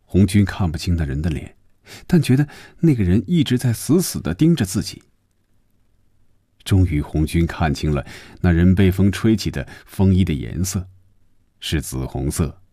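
A man narrating a story in an expressive, measured storybook radio reading. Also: deep voice, no room sound.

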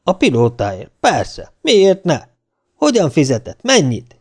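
A man's voice: fairly high pitch, wildly swooping pitch, breathy edge, voice pushed up, heavily acted. Man playing a sly cigar-chomping bail bondsman. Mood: surprised. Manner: jovial, mocking.

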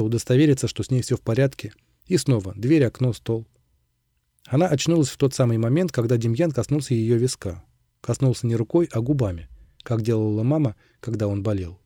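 A man narrating an audiobook in a calm, measured storytelling manner. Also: medium pitch, dry recording, studio quality.

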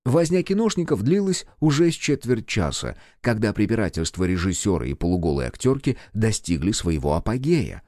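A man narrating an audiobook in an expressive storytelling manner. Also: on the low side, a little fast, hardly any pauses, no echo, studio quality.

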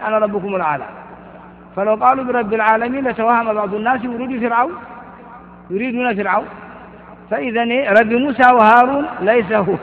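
An older man teaching grammar in a fairly high voice. He reads from a text, then explains it by repeating examples and asking "why?" The recording sounds tinny like a phone line and has a long hall echo.

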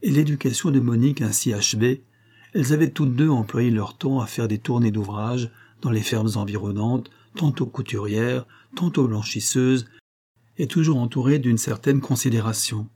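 Male narrator for a classic novel, mellow and dark, measured delivery. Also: medium pitch, breathy edge. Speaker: audiobook reader. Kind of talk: literary audiobook narration.

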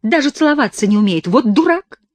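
A woman's voice: mid-range voice, big pitch swings, moderate pace, no room sound, voice pushed up. A woman reading an audiobook, voicing a cruel little girl with a vampire's hunger who taunts and commands. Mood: taunting, commanding. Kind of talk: audiobook character voice.

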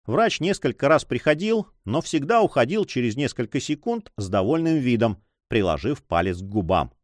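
A man with a mid-range voice reads scripted audiobook narration in an expressive storytelling manner at normal speed. The recording is studio quality with no echo.

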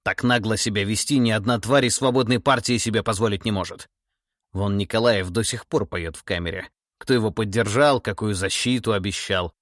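A man voicing a stern, cold middle-aged tsar in an audiobook, speaking in a measured, menacing, authoritative way. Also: on the low side, fairly bright tone, no room sound, studio quality, lightly acted. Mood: reproachful. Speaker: monarch interrogating a relative. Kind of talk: audiobook character voice.

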